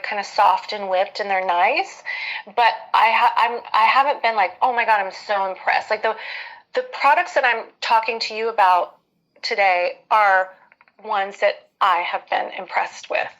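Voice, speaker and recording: Female skincare educator, mid-pitched, conversational live Q&A host who hesitates and thinks out loud. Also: rough recording. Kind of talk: casual live Q&A advice.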